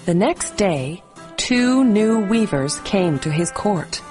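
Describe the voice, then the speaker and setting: A woman reading a scripted bedtime story for children in a clear, expressive storybook delivery. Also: mid-range voice, slow pace, music in the background.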